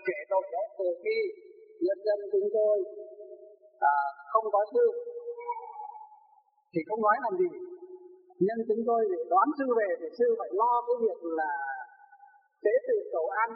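A man with a Northern Vietnamese accent, a Buddhist monk telling a rambling, anecdotal story in a conversational sermon. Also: sits high. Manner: rambling, anecdotal, tags phrases with "đấy". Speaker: Buddhist monk giving a dharma talk. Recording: tinny phone-like audio, long hall reverb, faint music.

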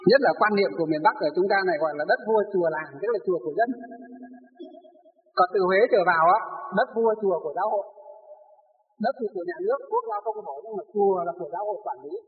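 A man's voice: high-pitched, animated, very fast. A man with a Northern Vietnamese accent, a Buddhist monk telling a rambling, anecdotal story in a conversational sermon. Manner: rambling, anecdotal, tags phrases with "đấy". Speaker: Buddhist monk giving a dharma talk. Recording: tinny phone-like audio, long hall reverb, faint music.

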